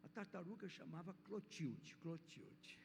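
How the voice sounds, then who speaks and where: Speaking in a reverberant church hall with faint background noise, this older Brazilian Portuguese-accented church speaker rambles through a children's story as part of his preaching. He talks unhurriedly in a fairly high, darkish, animated voice.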